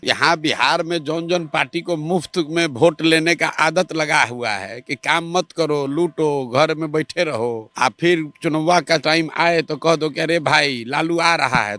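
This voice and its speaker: A man, answering in a heated political interview, forceful and full of rhetorical questions. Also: on the high side, unhurried, few pauses, no echo. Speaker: interviewee, party supporter.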